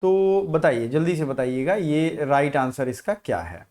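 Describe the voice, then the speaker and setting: A man's voice: on the high side, big pitch swings, measured pace, darkish tone. A man teaching a live online exam-prep class, firing questions at viewers, answering them and reading their comments.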